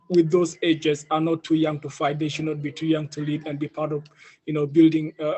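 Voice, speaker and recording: A young man from Ethiopia, of South Sudanese family, gives an earnest personal presentation as a youth leader on an online panel, often adding "you know." He has an East African accent and a slightly high, darkish voice. The video call recording is low quality.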